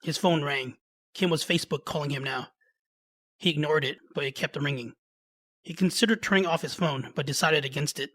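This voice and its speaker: A man narrating a love story in a steady storytelling way. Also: on the high side, a little fast.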